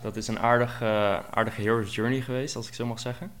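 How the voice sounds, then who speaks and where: A man's voice: medium pitch, fairly even intonation, brisk, a bit bright. A man in his twenties, a guest coach, tells his personal story frankly and openly.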